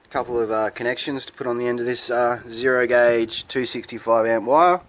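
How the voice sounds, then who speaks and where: A man's voice: medium pitch, steady tone, brisk, fairly bright tone. A man giving casual, colloquial narration as host of a hands-on DIY car video. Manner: laid-back, colloquial, plain-spoken.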